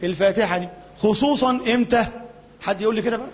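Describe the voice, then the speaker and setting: A high-voiced Egyptian man teaches a religious lesson at a brisk clip, asking questions and answering them himself. The recording is dull and lo-fi, with a long reverb from the mosque hall. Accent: Egyptian Arabic. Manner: colloquial, asks the class questions and answers them, demonstrates chanting. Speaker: sheikh teaching jurisprudence. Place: mosque classroom.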